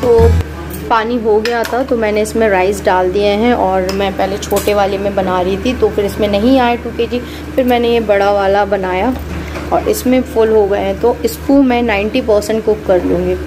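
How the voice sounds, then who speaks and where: A woman's voice: mid-range voice, steady tone, moderate pace, over music, poor audio. A woman in her thirties chatting through a cooking vlog in her home kitchen, explaining each step as she goes while hot and sweating. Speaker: cooking vlogger. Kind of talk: casual cooking vlog chat.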